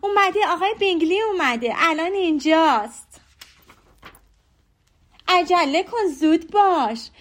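A woman's voice: dark tone, close to an everyday voice. A woman doing a frantic, fussy storybook mother. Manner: shrill and frantic calling out. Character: excitable fussy middle-aged mother.

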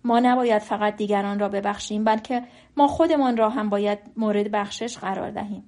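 Woman reading frail wise old guy, quiet soft voice, storybook reading. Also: mid-range voice, fairly even intonation, close to an everyday voice. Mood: gentle. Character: frail dying old man, gentle and wise.

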